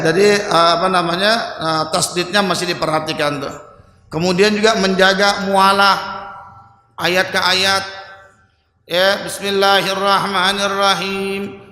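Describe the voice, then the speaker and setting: A high, bright male preacher with a Betawi Indonesian accent lectures in a mosque hall, his voice ringing with long reverb. He switches between easygoing explanation and slow, drawn-out chanting of verses, dropping in light jokes. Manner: joking asides with soft laughs. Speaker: Islamic religious teacher. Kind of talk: mosque study-circle lecture.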